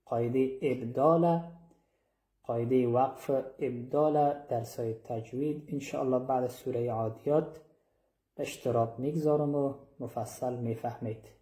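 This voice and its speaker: Man, warm mellow voice, patient pronunciation teacher, echoey room. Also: medium pitch, steady tone. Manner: explains slowly and repeats sounds, drawing out demonstrated syllables. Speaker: Quran recitation teacher. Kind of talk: tajweed pronunciation lesson.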